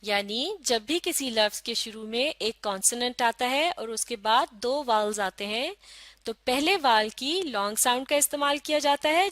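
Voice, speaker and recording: A woman teaching a phonics lesson, sounding out letters slowly and asking questions for children to answer. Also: high voice, fairly bright tone, no room sound. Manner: slow, drawn-out sounding of letters with call-and-response questions.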